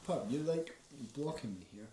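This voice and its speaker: A young man talks casually with his partner in a vlog, bantering in a blokey, playfully cocky way. His voice sits at an average pitch and is picked up from a distance in a reverberant room. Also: lively intonation, normal speed, noisy background. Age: young adult. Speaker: vlogger in a couple's Q&A. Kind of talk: casual couple chat, bantering. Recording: echoey room, distant microphone.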